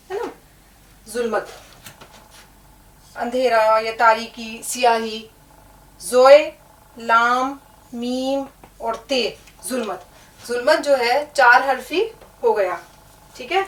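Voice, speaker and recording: A woman teaching a language lesson, explaining word meanings and spelling out letters slowly, often checking in with the learner. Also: sits high, a bit bright. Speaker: Urdu teacher. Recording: echoey room, mic at a distance.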